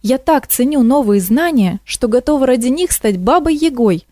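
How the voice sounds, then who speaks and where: Lady doing a curious old granny teacher, fussy and excitable, dry close sound. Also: high voice, normal speed, dry recording, voice pushed up.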